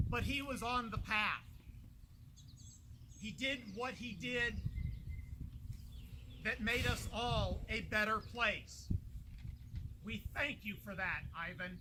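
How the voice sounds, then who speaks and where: A man delivering a formal, declamatory ceremonial speech with measured pauses, as a master of an order. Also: extremely high pitch. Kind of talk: formal ceremonial speech in a historical reenactment society. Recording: noisy outdoor event recording.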